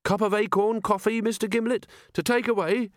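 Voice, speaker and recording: A man's voice: high-pitched, steady tone, brisk, a bit bright, no echo, clean studio sound, pitched above the performer's own voice. A man voicing a courteous, earnest young watchman who speaks politely.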